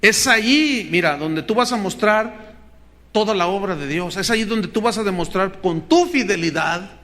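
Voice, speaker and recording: Mexican pastor, male, high-pitched preacher, animated and earnest. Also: normal speed. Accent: Mexican Spanish. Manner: earnest, animated storytelling with acted quotes. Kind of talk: sermon. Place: church hall with congregation.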